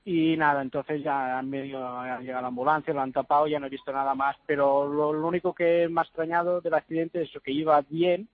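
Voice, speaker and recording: A man's voice: a little high, level tone, no room sound. Man on a muffled phone line. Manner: halting, restarts words, plain retelling. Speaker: photographer interviewed by phone. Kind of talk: eyewitness account.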